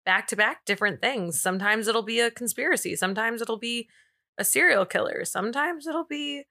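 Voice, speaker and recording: On a podcast she co-hosts, a woman chats casually and tells stories in a playful, informal way, sprinkling in slang. Her fairly high voice is expressive, brisk, pushed and bright.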